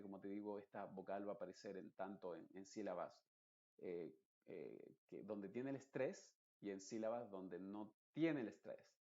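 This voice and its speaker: A man's voice: mid-range voice, darkish tone, lo-fi sound. A man teaching an online pronunciation lesson in a patient, explanatory way. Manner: patient, explanatory, repeats words slowly for practice.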